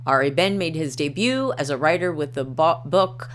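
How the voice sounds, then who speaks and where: She's a livestream host with a low voice and lively intonation, speaking at a normal speed while she chats and reads articles and quotes out loud. She hesitates often with ums and uhs. Norwegian is not her native language, and the clip has slight background noise.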